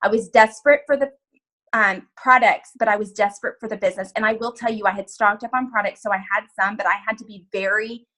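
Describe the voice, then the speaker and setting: A woman in her thirties telling her personal story in a candid, emotional testimony to a group, full of quick asides and quoted dialogue. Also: mid-range voice, fairly even intonation, bright, forceful tone, poor audio. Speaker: network marketing distributor sharing her story.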